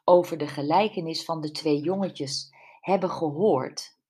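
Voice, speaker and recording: A determined woman detective in an audiobook mystery, as a woman narrator voices her. Her voice is low and husky, and she speaks slowly. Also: darkish tone. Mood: probing.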